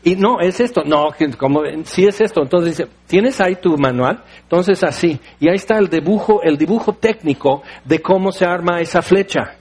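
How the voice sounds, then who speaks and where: A man's voice: high voice, moderate pace, hardly any pauses, a little mellow, breathy edge. A man with a Mexican accent preaching a sermon, telling stories with everyday analogies and firing off rhetorical questions. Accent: Mexican Spanish.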